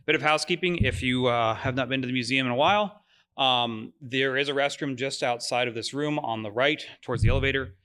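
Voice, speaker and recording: Speaking at medium pitch and a fairly quick pace, a man who leads a museum society introduces a public lecture with housekeeping announcements. He is friendly and informal, using filler words, and his voice is pushed and bright yet smooth. It's picked up through a mic over the lecture room's speakers.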